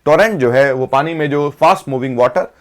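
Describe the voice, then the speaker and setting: Man, vocabulary teacher, slightly high voice, Hindi explanations, slow English definitions. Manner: explains each word, then repeats it as a question to the class. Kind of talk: explaining word meanings in Hindi.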